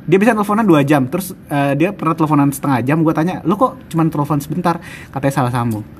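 A man's voice: fairly high pitch, fast talker, a little hiss or hum. A young man co-hosting a podcast, talking in casual chat with friends. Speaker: podcast co-host.

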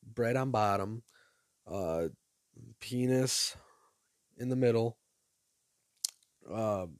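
A man's voice: medium pitch, drawn-out words, dry recording, clean studio sound. A sleepy young man hosting a podcast alone, rambling in a silly, meandering late-night monologue full of fillers. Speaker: podcast host.

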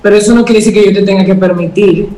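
A woman's voice: medium pitch, fast. Guest woman in a roomy echo. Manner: explains calmly, acts out everyday dialogues. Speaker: guest speaker. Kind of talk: talk show conversation.

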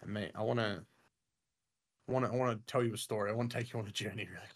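A man's voice: on the low side, fairly even intonation, rapid-fire. A young man co-hosting a gaming podcast, talking casually and enthusiastically in long, rambling sentences. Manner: enthusiastic, rambling, says "freaking" and "mate" a lot. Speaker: podcast co-host. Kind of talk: casual chat.

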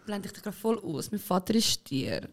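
Gravelly young woman teasing bluntly. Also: medium pitch, lively intonation, normal speed, a crowd in the background. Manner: teasing and blunt, often quiet. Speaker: guest. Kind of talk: casual chat.

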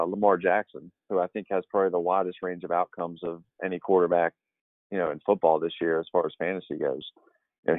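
A man with a very low voice rambles through casual podcast talk, full of fillers and restarts. His voice comes over a tinny, phone-like line in a dry space. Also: no echo. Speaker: fantasy football podcast analyst.

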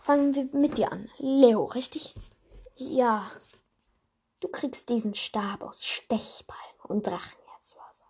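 A woman voicing a fussy old male wand maker, often in a hushed, whispery tone. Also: fairly high pitch, slow, husky, full character voice.

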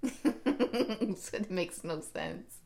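A woman's voice: mid-range voice, animated, drawn-out words, a little mellow. A woman co-hosting a casual chat podcast, answering with playful, sassy quips. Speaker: podcast co-host.

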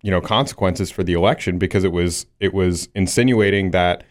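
A man co-hosting a podcast who chats casually about politics and agrees readily. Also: low voice. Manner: agreeable, quick backchannels. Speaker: podcast co-host.

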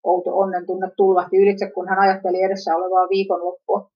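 Brief: woman narrating a story plainly, mid-pitched voice, dull lo-fi recording. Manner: plain steady reading with small slips. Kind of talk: story reading.

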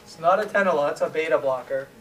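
A man's voice: a little high, fast talker, far from the mic. A man teaching a pharmacology class, asking the students questions and then answering them himself. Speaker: pharmacology lecturer. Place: lecture room. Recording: echoey room, voice from afar, faint hiss.

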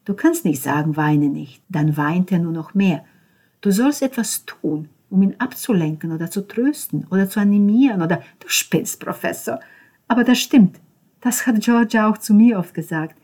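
A loud, cocky young man who taunts and pushes without any let-up, his voice raised and rough at the edges, as a woman reads him in an audiobook. Brash and provocative from start to finish. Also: medium pitch, moderate pace, voice pushed up, lightly acted. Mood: earnest.

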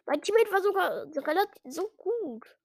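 A woman's voice: extremely high pitch, expressive, normal speed, a little mellow, no echo, studio quality. A woman giving casual, self-mocking commentary while playing a game, muttering some lines under her breath. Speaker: gamer.

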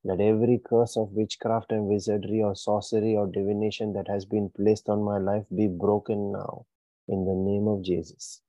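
A man's voice: fairly low pitch, no echo, highs cut off. Man commanding a fiery deliverance prayer. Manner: forceful commanding declarations with rising bursts. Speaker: prayer leader.

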